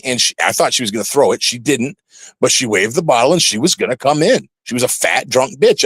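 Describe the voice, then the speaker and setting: A man's voice: mid-range voice, no echo. A man, a former pro wrestler, talking bluntly and profanely in a casual podcast chat, telling stories about the ring. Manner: profane, blunt storytelling, animated.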